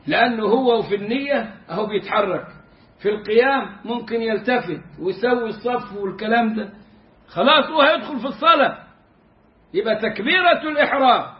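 A man with a strikingly high voice and an Egyptian accent gives a religious lesson with humor. He drags words out slowly to model how they should sound. The recording is echoey and a little dull. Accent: Egyptian Arabic. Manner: humorous, demonstrative, drawing out words to teach pronunciation. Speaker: Islamic jurisprudence teacher.

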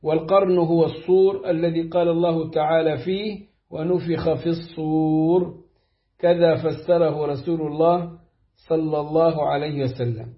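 Guy reading hadith slow and careful, highish voice, kinda muffled dull recording. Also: fairly even intonation. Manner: slow, deliberate recitation with drawn-out phrases. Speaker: hadith reader. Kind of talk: measured reading of hadith with commentary.

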